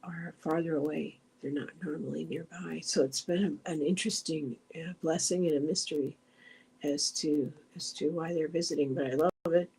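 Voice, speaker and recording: A middle-aged woman with a deep, gravelly, slightly rough voice hosts a meditation group livestream at normal speed and with fairly even intonation. She reads viewer comments aloud and chats casually, wandering between thoughts with frequent restarts and soft asides.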